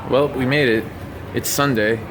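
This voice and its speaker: A man's voice: medium pitch, fairly even intonation, moderate pace, a crowd in the background. A young man, a rapper, talking casually and jokingly to the camera for his vlog. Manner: joking, self-mocking. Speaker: rapper and vlogger.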